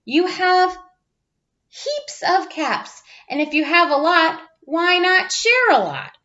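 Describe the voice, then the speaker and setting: A woman voicing a firm, reasoning shark mother in a children's storybook, gently admonishing. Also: very high-pitched, very animated, takes it slowly, lo-fi sound, voice pushed up, exaggerated voice.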